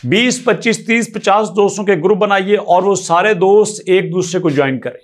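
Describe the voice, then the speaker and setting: A man's voice: high-pitched, moderate pace. A man talks viewers through a screen tutorial in a voice-over. He tallies numbers step by step, repeats his points and keeps urging them to listen closely. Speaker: crypto tutorial YouTuber.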